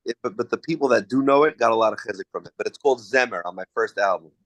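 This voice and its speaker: A man's voice: mid-range voice, very fast, a bit bright, no room sound, poor audio. A man from the United States, a singer answering interview questions in a chatty, storytelling way with frequent restarts.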